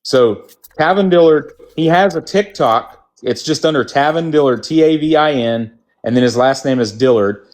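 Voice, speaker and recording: A man's voice: on the high side, moderate pace, darkish tone. A man from Texas with a mild Texan accent, hosting a casual group chat and telling rambling stories. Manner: rambling, storytelling with restarts.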